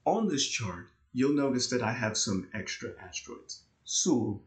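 A man with a medium-pitched voice and wide pitch swings co-hosts an astrology discussion, talking through charts a little slowly. He's easygoing and quick to laugh. The setting is a warm indoor room with echoey sound.

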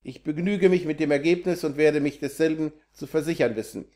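A man's voice: fairly high pitch, fairly quick, darkish tone, lightly acted. Male reader voicing a stern, threatening town sorcerer; harsh and scolding. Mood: coldly threatening.

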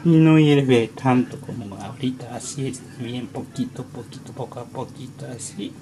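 A man whose first language is Japanese, showing how to cook at home in halting, broken Spanish and often stopping to search for words. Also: medium pitch. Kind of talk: casual cooking demonstration. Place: home kitchen. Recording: noisy home recording.

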